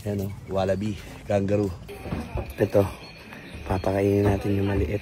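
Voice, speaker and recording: A man's voice: on the low side, completely flat delivery, normal speed. A man vlogging casually outdoors, teasing animals in a playful way and sometimes running out of breath. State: out of breath at times. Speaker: motovlogger. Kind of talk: casual vlog narration to camera.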